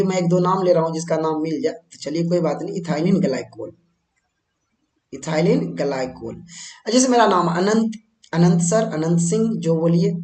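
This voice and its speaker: A man's voice: a little high, a little mellow, roomy sound. A man teaching a chemistry lesson at a board, chatty, keeps asking his students questions and answering them himself. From India. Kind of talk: board-exam lesson at a whiteboard.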